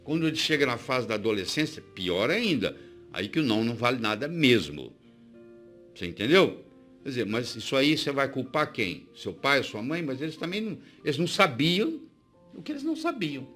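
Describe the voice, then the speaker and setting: A man's voice: mid-range voice, sing-song, brisk, fairly bright tone, faint music behind. A man with a Brazilian accent giving a motivational talk, speaking straight to the viewer and asking rhetorical questions. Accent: Brazilian Portuguese.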